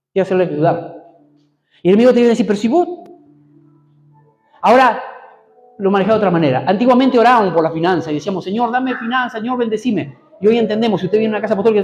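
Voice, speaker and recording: A man's voice: high voice, a little mellow, in a large hall. A man preaching a sermon with a Rioplatense Spanish accent, emphatic and speaking straight to his congregation. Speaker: apostle preaching. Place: church hall.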